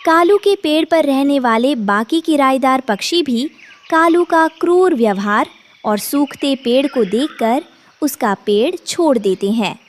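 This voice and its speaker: A woman narrates a children's moral story in a gentle, instructive tone. Her voice is high and she speaks slowly, giving each phrase room. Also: lively intonation. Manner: gentle, didactic.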